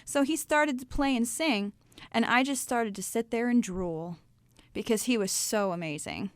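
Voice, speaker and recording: Young woman from ohio telling her story live, kinda high voice, dry close sound. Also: normal speed, dry recording. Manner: lively, chatty storytelling with acted quotes. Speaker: speaker telling her testimony. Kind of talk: storytelling testimony to a live audience.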